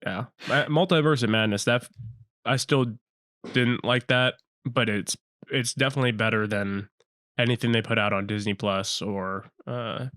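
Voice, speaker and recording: A man's voice: medium pitch, fairly even intonation, normal speed, fairly bright tone, dry recording, studio quality. A man around thirty chatting casually as a podcast guest, laid-back and full of slang. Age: 30s. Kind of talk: casual chat.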